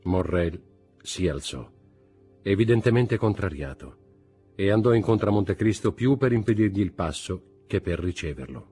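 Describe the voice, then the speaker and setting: A man reading a classic novel aloud as an audiobook narrator, in a measured, dramatic way. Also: deep voice, animated, mellow, slightly rough, faint music behind. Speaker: audiobook reader.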